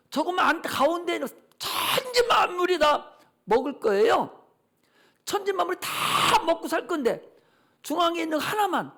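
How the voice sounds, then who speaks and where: A male pastor delivers a Sunday morning sermon in a high, animated voice with a gravelly texture. He preaches emphatically and keeps asking the congregation rhetorical questions, then answers them himself.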